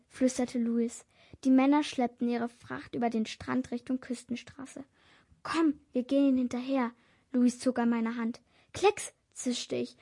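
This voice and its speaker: A woman narrating an audiobook in a hushed, suspenseful way, now and then dropping to a whisper. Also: a little high, creaky.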